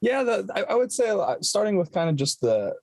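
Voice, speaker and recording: A young man co-hosting a casual podcast chat, talking haltingly with frequent restarts. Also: high voice, sing-song, gravelly, darkish tone, no echo. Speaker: podcast co-host.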